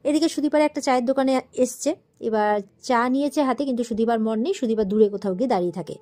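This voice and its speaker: A woman's voice: on the high side, fast, dark tone. A woman retelling a TV serial episode, reading every character's lines in her own voice. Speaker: TV serial recap narrator. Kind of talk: fast storytelling recap.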